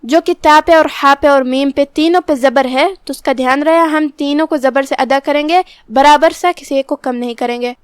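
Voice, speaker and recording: A high-pitched woman gives a patient, methodical lesson on Quran recitation and breaks each word down letter by letter. She recites the verses slowly and carefully. The sound is close and dry, with no room around her. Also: steady tone, dry recording. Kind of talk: tajweed lesson with slow recitation.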